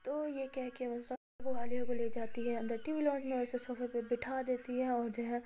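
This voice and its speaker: A woman with an Indian accent retelling a love story in casual Hindi, chatty and quick, slipping into the characters' lines with excitement. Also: faint music behind. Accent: Hindi-Urdu speaking, Indian. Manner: breathless, chatty retelling, voicing characters' lines with rising pitch. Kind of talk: casual spoken storytelling with acted dialogue.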